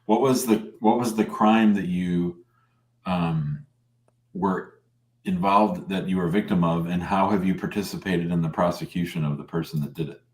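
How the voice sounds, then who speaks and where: A man with a fairly deep voice hosts a casual live show. He talks bluntly and informally, restarting phrases as he goes, and the sound is noticeably echoey. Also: fairly even intonation, normal speed, a little mellow. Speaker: live show host and lawyer. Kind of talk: casual live call-in chat. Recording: roomy, echoing sound.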